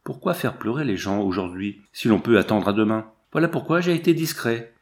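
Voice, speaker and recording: A man reading aloud, voicing a talkative young male traveler who reassures a grieving family in a smooth, glib way. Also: lowish voice, expressive, fairly quick. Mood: reassuring.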